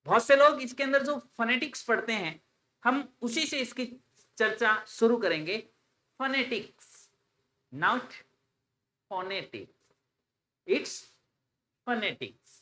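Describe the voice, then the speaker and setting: A man's voice: very high-pitched, expressive, pushed and bright. A man teaching English pronunciation, repeating each word several times in drills. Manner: repeats words slowly in drills. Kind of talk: pronunciation lesson.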